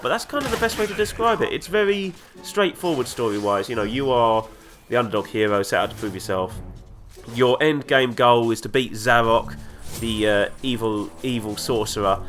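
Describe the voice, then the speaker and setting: A man's voice: medium pitch, a bit bright. Chatty man with a flu-stuffed voice. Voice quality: nasal from a cold. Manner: chatty, rambling, enthusiastic. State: congested with flu. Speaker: gaming video host. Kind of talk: let's play commentary. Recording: game music playing underneath. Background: game music and sounds.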